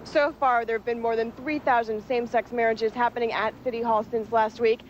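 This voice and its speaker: A woman's voice: fairly high pitch, steady tone, fairly quick, lo-fi sound, slight background noise. A woman with an American accent reporting live for television news, moving between explanation and scripted narration.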